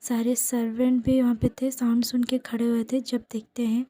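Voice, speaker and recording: A young woman narrating a fan-fiction story in a soft, half-whispered voice. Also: on the high side, flat delivery, moderate pace.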